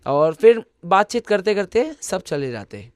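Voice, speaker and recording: A young man casually narrating a horror story, chatting to listeners and murmuring low when he voices the characters. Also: very animated, measured pace, darkish tone, no echo, clean studio sound. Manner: chatty, addresses listeners as guys, mixes English words.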